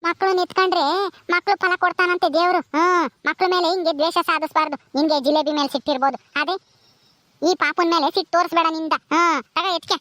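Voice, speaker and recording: A bossy village woman, acted by a woman, lectures a younger wife and tells her what to do. Her voice is very high and bright, and she talks in a firm, scolding way. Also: fairly even intonation, fast talker. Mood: lecturing. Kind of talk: village family drama acting.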